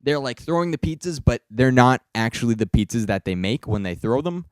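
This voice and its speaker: Young guy chatting on a podcast, lively up and down voice, dry close mic, keeps laughing. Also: medium pitch, fairly quick, clean tone, no room sound. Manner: laughing storyteller, teasing. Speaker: co-host. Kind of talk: casual podcast chat.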